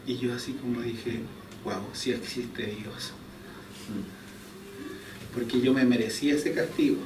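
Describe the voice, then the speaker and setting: Male preacher, fairly high voice, casual storytelling sermon, echoey church from a distance. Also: noisy background. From Chile. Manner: conversational storytelling, chuckles at himself. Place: church hall.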